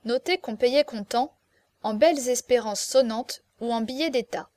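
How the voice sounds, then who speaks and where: A woman narrating a classic novel as an audiobook in a steady, expressive storytelling voice. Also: fairly high pitch, moderate pace, dry recording.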